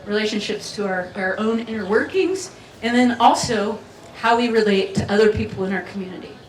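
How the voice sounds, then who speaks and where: A woman gives a playful, chatty keynote at a community festival, drawing the audience in. Her medium-pitched voice moves fairly quickly. Recorded from far off in a community event venue, it has roomy hall sound, faint ambience and slight background noise.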